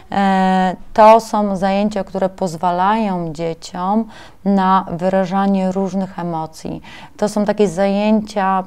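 A woman presenting a webinar lecture to preschool teachers, often pausing with filler sounds as she explains her slides. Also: fairly low pitch, warm tone, clean tone.

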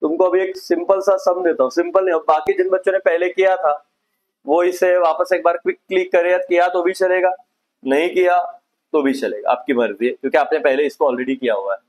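An Indian man teaches accounts in a classroom lecture, explaining things step by step and checking in with his students. His voice is high, steady and fairly quick with a darkish tone, and the recording is rough.

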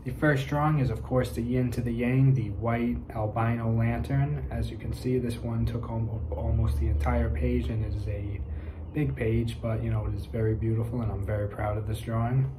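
A man's voice: mid-range voice, level tone, moderate pace. Young man, casual vlog chat, upbeat and rambling, roomy indoor sound with faint hiss. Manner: upbeat, chatty, a bit rambling. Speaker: vlogger showing his drawings. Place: indoor room with brick wall. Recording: echoey room, faint noise.

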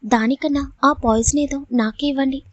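A woman's voice: high-pitched, fairly even intonation, moderate pace, no room sound, highs cut off, close to an everyday voice. A woman voicing a frightened young heroine who pleads in distress. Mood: pleading.

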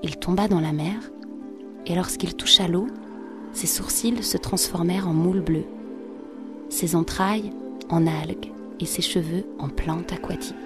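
Woman reading a folk tale, low-pitched. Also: fairly even intonation, unhurried, music in the background. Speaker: storyteller. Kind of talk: scripted narration of a folk tale.

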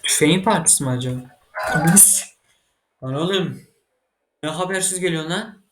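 A man giving casual let's-play commentary as he plays a computer game, excitable and quick to get frustrated, swearing at the game. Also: a little high, background noise. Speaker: gaming channel host.

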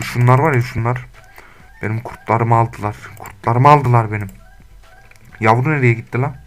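A young man giving casual, slangy commentary while playing Minecraft, scolding his animals and talking to viewers. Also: mid-range voice. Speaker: gaming YouTuber. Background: faint game music and keyboard typing.

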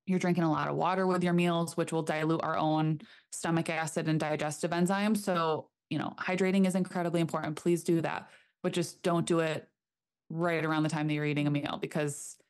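A woman's voice: low-pitched, flat delivery, a little mellow. A young woman, a chiropractor, explaining health topics earnestly in an interview from a home room on a desk mic. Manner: earnest, explanatory, speaks fast in runs. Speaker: chiropractor guest. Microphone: desk studio mic, remote call.

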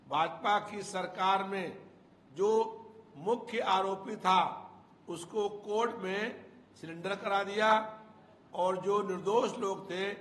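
An older man, a party spokesman, giving an emphatic, measured political statement into a handheld press mic indoors. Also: sits high, fairly bright tone. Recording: echoey room with faint noise.

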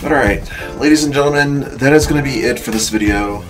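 A man's voice: mid-range voice, fast talker. A man giving casual commentary while playing a video game. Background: game music.

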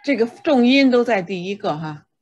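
A woman's voice: a little high, animated, moderate pace, a little mellow, lo-fi sound. A woman learning English pronunciation one on one, carefully repeating words and asking short questions in Chinese. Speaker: adult English student.

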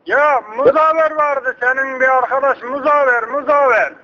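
A man's voice: very high-pitched, steady tone, normal speed, bright, forceful tone. A man playing a hard-of-hearing, rambling, persistent old village uncle in a prank phone call. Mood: rambling, insistent. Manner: repetitive, rambling, asks people to speak up. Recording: dull lo-fi phone prank recording.

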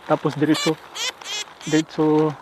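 A man's voice: on the high side, completely flat delivery, measured pace, background noise. A Filipino man talking to his viewers while he digs through trash bins outdoors in the heat, out of breath and sweaty. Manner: chatty, addresses viewers often. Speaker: vlogger. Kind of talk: casual vlog narration while dumpster diving. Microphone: self-filmed camera.

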